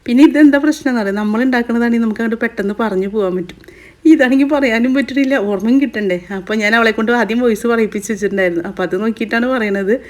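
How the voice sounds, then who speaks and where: A woman with a Kerala Malayalam accent, chatty, giving a casual voice-over for a home cooking video. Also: medium pitch. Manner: chatty, adds tag words after each step. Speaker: cooking vlogger. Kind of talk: casual voice-over narration of a recipe.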